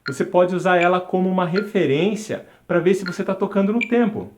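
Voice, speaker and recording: In an instructional video lesson, a man teaches music, counting beats aloud and chanting syllables along with a metronome. His voice is high-pitched and brisk, with background noise in the recording.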